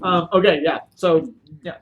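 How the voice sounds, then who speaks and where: A man's voice: sits high, fairly even intonation, unhurried, narrow, tinny audio. A man acting as game master, improvising narration and chatting with players, often searching for his words. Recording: noisy home recording.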